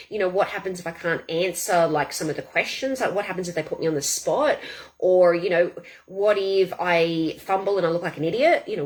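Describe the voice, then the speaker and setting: Female self-help coach, slightly low voice, chatty and loose, talks listeners through tapping affirmations. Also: rough recording. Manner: chatty, many fillers, repeated spoken affirmations. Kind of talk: guided tapping demonstration.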